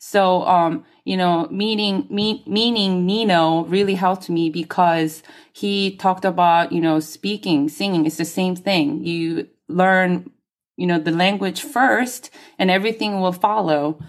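A guest singer, a woman whose first language is Korean, discusses her craft in an interview conversation. Her slightly low voice has fairly even intonation, and she often pauses with soft ums while collecting her thoughts.

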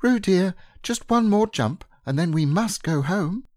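Man doing a fussy mother kangaroo, high voice, dry close sound. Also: lively intonation, a little mellow, dry recording. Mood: fussing. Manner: brisk, fussing. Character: motherly female kangaroo, brisk and distracted.

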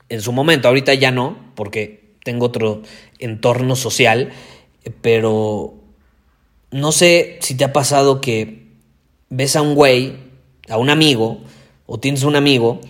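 A man with a Mexican accent hosting a podcast, talking loudly and intensely and repeating his key points for emphasis. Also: mid-range voice. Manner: loud, intense delivery. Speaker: podcast host. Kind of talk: motivational podcast monologue.

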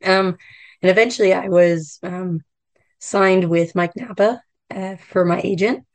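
A woman talks casually as an interview guest, her voice fairly low. It is hoarse and croaky, a real frog voice, as she explains her writing life. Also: a little slow.

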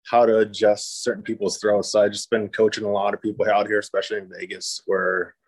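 A man raised in Japan, talking as a podcast guest in an easygoing, upbeat way with many pauses. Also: lowish voice, flat delivery, no room sound, rough recording. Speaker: podcast guest, disc golf player. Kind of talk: casual interview chat.

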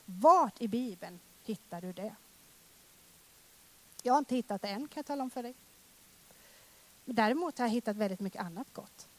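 A woman in her thirties preaching a personal testimony sermon, emotional and dramatic, swinging from loud exclamations to hushed words. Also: on the high side, expressive, pauses often.

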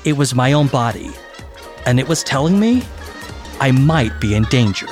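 A middle-aged actor narrating his own story in a measured, reflective way with a wry edge. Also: medium pitch, big pitch swings, music in the background. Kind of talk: scripted memoir narration.

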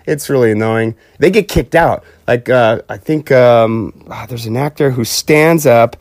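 A man's voice: mid-range voice, a little slow, no echo, studio quality. A man casually retelling a story as a podcast host, rambling with fillers and restarts and acting out quotes in a livelier voice.

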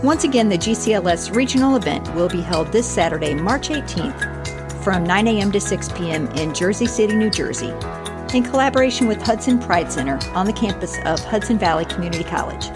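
A woman's voice: mid-range voice, animated, brisk, over music. A woman hosting a book podcast, reading event details and a sign-off. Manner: warm laughing banter, then scripted announcements. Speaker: podcast host. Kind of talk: casual podcast chat and sign-off.

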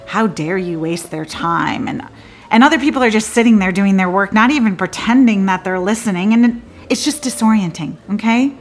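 An actress with a voice on the high side performs a monologue as a disillusioned woman lawyer. She confides in a halting, wry and bitter manner, shifting abruptly.

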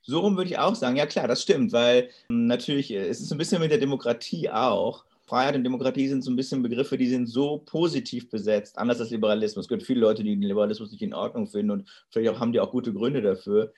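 A man giving thoughtful, halting interview answers with many restarts. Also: medium pitch, a little mellow, breathy edge. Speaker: interview guest, political thinker.

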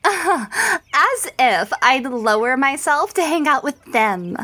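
A woman's voice: high voice, big pitch swings, slow pace, sharp tone, no echo, full character voice. A woman voicing a snobbish, showy teenage girl mage who talks down to others. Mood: haughty. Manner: haughty, dismissive.

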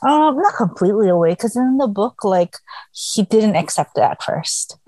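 A woman's voice: medium pitch, animated, normal speed, mellow, dry recording. A woman co-hosting a casual fan chat, musing hesitantly with many fillers. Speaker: podcast co-host.

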